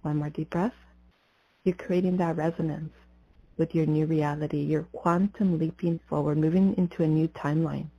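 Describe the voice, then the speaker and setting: A woman guiding a breathing meditation as a spiritual coach, in a soothing mystical healer manner with deliberate pauses. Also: low voice, steady tone, husky, no room sound. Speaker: podcast host and spiritual coach. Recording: slightly dull, muffled lo-fi audio.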